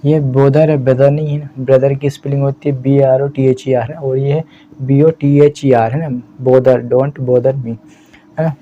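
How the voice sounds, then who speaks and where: Slow, dark-voiced male language teacher. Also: medium pitch. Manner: slow, repeats "है ना" as a steady check-in. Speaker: spoken English teacher. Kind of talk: explaining a language lesson in Hindi. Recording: slightly dull lo-fi audio with faint background hiss.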